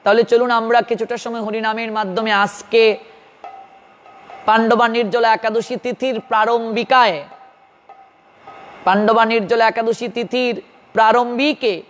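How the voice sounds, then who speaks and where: A man with a Bengali accent preaches an earnest devotional sermon in a very high voice. He instructs his listeners directly. A long reverb trails each phrase, as in a large hall. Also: a bit bright.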